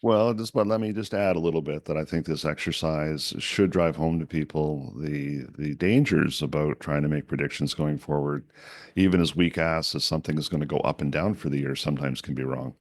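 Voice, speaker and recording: A man's voice: extremely low pitch, fairly even intonation, brisk, no room sound, clean studio sound. A man co-hosting a finance podcast, wry and teasing, often restarting his sentences. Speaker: co-host. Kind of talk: casual finance podcast chat.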